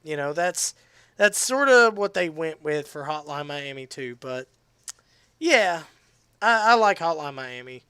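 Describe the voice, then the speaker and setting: A man chatting casually on a game live stream, rambling with restarts and fillers, his voice tiring and going hoarse. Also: on the high side, lively intonation, measured pace, pushed and bright, dry recording, clean studio sound. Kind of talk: casual live-stream chat while gaming.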